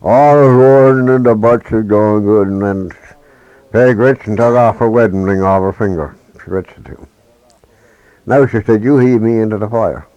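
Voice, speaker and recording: A man telling a traditional folk tale in halting dialect speech with many restarts, on a dull lo-fi recording. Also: lowish voice, a little mellow, no echo. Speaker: storyteller.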